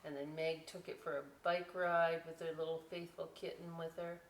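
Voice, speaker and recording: A woman librarian hosts children's story time, reading a picture book aloud and chatting conversationally about the pictures with casual asides. Her voice is low and level at a moderate pace, recorded on a roomy, distant mic with clear noise.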